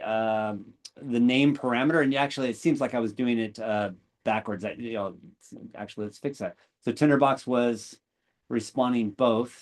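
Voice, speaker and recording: Guy walking thru a software demo live, rambly, keeps fixing himself mid sentence. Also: mid-range voice. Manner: rambling, self-correcting. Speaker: meetup host.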